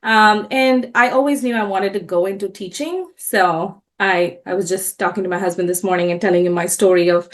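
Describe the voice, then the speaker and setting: An entrepreneur in her thirties, born and raised in India, tells her life story as an interview guest. She speaks at a normal speed in a steady, medium-pitched voice with hardly any pauses. She is earnest and keeps restarting and correcting herself.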